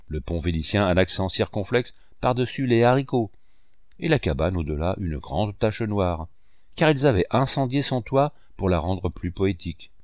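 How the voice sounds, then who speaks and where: Low-voiced man reading a novel. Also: dry recording, clean studio sound. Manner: measured, expressive literary reading. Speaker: narrator. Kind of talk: audiobook reading of a classic novel.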